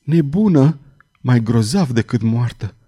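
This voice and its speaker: A man's voice: mid-range voice, expressive, dark tone, husky. A man voicing a middle-aged cardinal, a desperate lover who pleads and cries out in despair. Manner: pleading, then crying out in despair.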